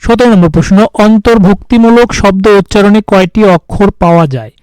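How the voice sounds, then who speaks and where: A man's voice: high-pitched, fast, darkish tone, smooth, no echo, poor audio. A man working through exam grammar questions. He reads out each answer option one by one and explains it step by step. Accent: Bangladeshi Bengali. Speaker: teacher solving exam questions. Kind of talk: recorded lesson, reading questions and explaining answers.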